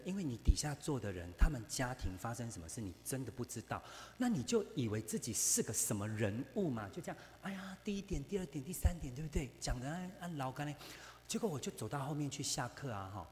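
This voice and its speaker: A man's voice: medium pitch, a little mellow, long reverb tail, slight background noise. A man preaching a sermon, telling a story and acting out both sides of the conversation.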